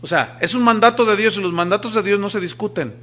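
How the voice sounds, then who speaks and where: Older male pastor in mid-sermon, somewhat high-pitched, dramatic, jumps from forceful emphasis to hushed asides. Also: quick pace. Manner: lively preacher, shifts between loud emphasis and quiet asides, acts out quoted voices.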